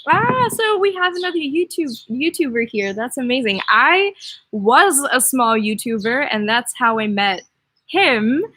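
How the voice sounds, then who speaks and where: Bright young woman co-hosting a live stream, dry sound. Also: high-pitched, animated, measured pace, dry recording. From Singapore and Germany. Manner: warm, grateful, laughs often, gives advice. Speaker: co-host of a travel channel. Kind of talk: casual live-stream chat.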